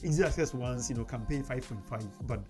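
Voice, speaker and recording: A man's voice: medium pitch, a little fast. Chatty man with many "you know"s. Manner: conversational, frequent "you know" fillers. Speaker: personal finance video host. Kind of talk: casual to-camera finance talk. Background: faint background music.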